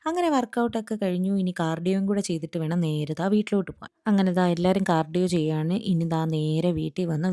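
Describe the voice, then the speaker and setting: A woman's voice: lowish voice, mellow, no room sound, studio quality. A young woman narrating a daily family vlog in an informal, chatty way, addressing viewers familiarly. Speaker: family vlogger.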